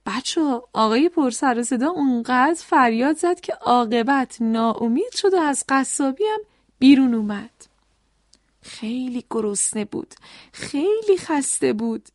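A woman telling a children's story in a lively way, addressing the young listeners directly. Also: high voice, no room sound, clean studio sound. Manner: animated, talks straight to the children.

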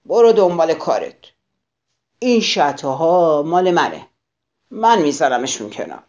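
A woman voicing a grumpy, quarrelsome little ladybug in a children's storybook tale, gruff, loud and hasty. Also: fairly low pitch, sing-song, lo-fi sound.

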